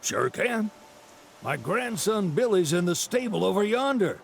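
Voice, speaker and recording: A man's voice: sits high, big pitch swings, a little slow, vocal fry, a little hiss or hum, full character voice. An actor playing a genial, folksy old rancher in a video game, with a Southern American accent and chatty salesman's patter. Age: older. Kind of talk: video game character dialogue.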